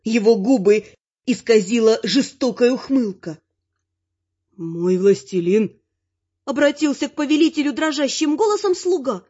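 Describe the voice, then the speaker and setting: A woman narrating a fantasy audiobook with even, expressive storytelling. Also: high voice, normal speed, slightly rough, muffled recording.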